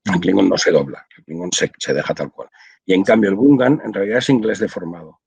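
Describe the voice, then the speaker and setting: A man's voice: deep voice, fast talker, creaky, a little mellow, breathy edge, dry recording, poor audio. An older man from Spain, a translator, explaining his work at length in a casual video-call interview, with many restarts. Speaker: audiovisual translator, interview guest.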